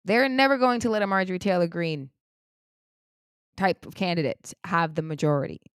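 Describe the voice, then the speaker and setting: A woman giving a heated political opinion monologue, indignant, swinging between loud outbursts and low muttering. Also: normal speed, smooth, no room sound, clean studio sound. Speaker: political commentator.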